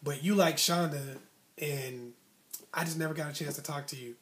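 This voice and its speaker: Telling a personal story on his advice vlog, a man speaks casually and conversationally in colloquial language, acting out remembered dialogue. His voice is a little high, with a steady tone and moderate pace.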